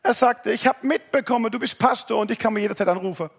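A middle-aged pastor telling a personal story in a sermon, animated and addressing listeners directly. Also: male voice, extremely high pitch, fast, gravelly, slightly rough.

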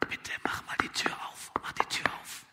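A man's voice: moderate pace, natural voice. A man voicing a pleading friend knocking at night, in a whispered role-play with urgent, insistent hissing.

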